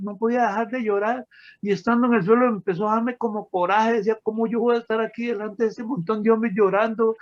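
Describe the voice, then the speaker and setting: A man telling his personal testimony to an audience, emotional and storytelling, calling his listeners friends. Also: high-pitched. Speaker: testimony speaker. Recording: dull lo-fi sound.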